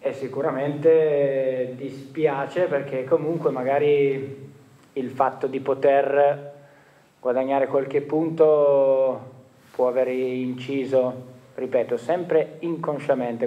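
Speaking into a table microphone, a forties-aged football coach fields post-match questions in a stadium press room. His medium-pitched, dark-toned voice comes across measured and reflective, with many restarts, and the audio sounds dull.

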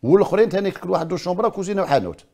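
Rapid, lively older Algerian man questioning. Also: high-pitched. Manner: probing, insistent, repeats questions. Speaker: talk show host. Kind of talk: studio talk show questioning. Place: TV studio.

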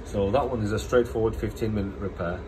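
Speaking fast in a steady tone, a deep-voiced man with a cold works as a phone repair technician giving a casual repair demo at an indoor workbench. His explanations are plain with some restarts, background noise can be heard, and the recording comes from a phone camera held above the bench.

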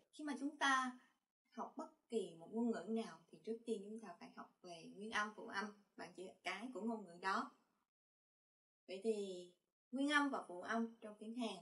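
A woman teacher speaking slowly and deliberately, with a bright, somewhat high voice. She explains each point carefully, then calls out each vowel sound loudly again and again. Her voice sounds a little distant from the mic. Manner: drills pronunciation, repeating each sound loudly. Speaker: Korean language teacher. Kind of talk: slow, clear lesson narration.

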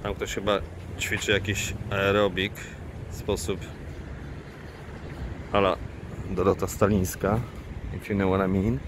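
Slow, flat, unenthusiastic man outdoors. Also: low voice. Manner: flat, unenthusiastic, dry humor. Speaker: travel vlogger and guide. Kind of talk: casual vlog commentary while filming. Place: outdoors in a lakeside city park. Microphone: handheld camera mic, speaker off screen. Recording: outdoor camera audio with traffic noise. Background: city traffic and boat noise.

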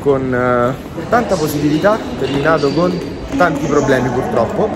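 A man's voice: a little high, normal speed. A young man talking casually to a phone held at arm's length while vlogging in a train station. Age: young adult. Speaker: racing driver vlogger. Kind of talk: casual vlog talk to camera. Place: indoor train station walkway. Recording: loud station ambience and noise.

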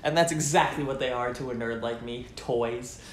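A man's voice: mid-range voice, moderate pace, reverberant, a little hiss or hum. A young man chatting casually to the camera from his living room couch, enthusiastic and thinking aloud as he unboxes tech gear. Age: young adult. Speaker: tech vlogger.

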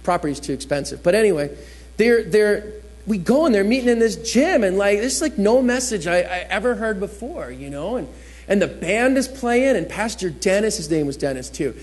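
A man's voice: high voice, expressive, moderate pace, a little mellow. A man from New Jersey preaching a sermon as a chatty personal story, acting out the people he quotes.

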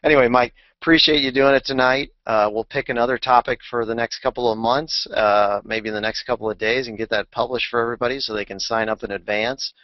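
A man's voice: mid-range voice, fairly even intonation, quick pace, few pauses, dry recording, highs cut off. A man hosting a webinar, wrapping up and thanking the presenter and audience with frequent fillers. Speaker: webinar host. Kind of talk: closing remarks of a webinar.

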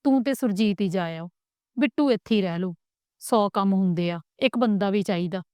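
A woman voicing a doting older village grandmother who scolds tenderly and mutters low, in a storybook reading. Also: normal speed, warm tone, no echo, clean studio sound, natural voice. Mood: fussing, scolding.

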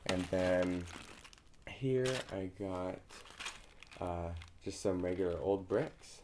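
A young man talks through a casual home vlog in a fairly low voice, upbeat and chatty, often stopping for an um. He records on a phone in a small bedroom, with a faint hiss behind him. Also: slow. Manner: chatty, upbeat, with frequent ums. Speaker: vlogger.

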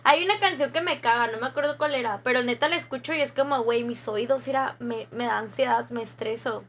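A young woman with a Mexican accent hosts a live stream, talking casually into a desk microphone. Her voice sits high, and she chats loosely with viewers and reads their comments aloud. She laughs often as she talks. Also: fairly quick, a bit bright, a little hiss or hum.

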